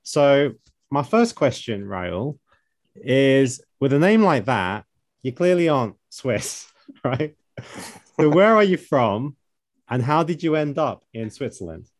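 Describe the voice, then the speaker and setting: A podcast co-host interviews a guest in a friendly manner, often tossing in "like" and "right?" as he asks his questions. His medium-pitched voice is expressive and slow, and there is no echo.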